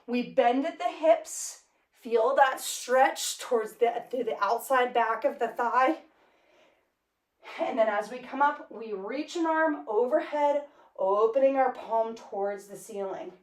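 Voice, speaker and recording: A woman's voice: on the high side, takes it slowly. A woman fitness instructor cueing a workout class energetically while exercising, counting out reps. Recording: echoey room, mic at a distance.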